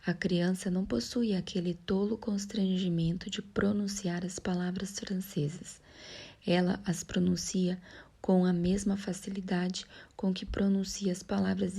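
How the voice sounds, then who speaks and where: A woman reading a nonfiction audiobook aloud in a soft, breathy near-whisper, now and then correcting a slip. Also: mid-range voice. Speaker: audiobook reader.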